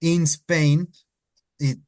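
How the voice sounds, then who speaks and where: A Latin American man teaching Spanish slang in a live online lesson, explaining slowly with drawn-out vowels. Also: on the high side, fairly even intonation, darkish tone.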